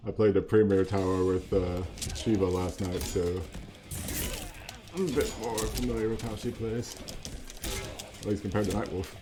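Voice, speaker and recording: A man's voice: on the low side, fairly even intonation, moderate pace, pauses often. A man streaming a video game, chatting casually with fillers and frequent laughs. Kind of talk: casual gameplay commentary. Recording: loud game music behind.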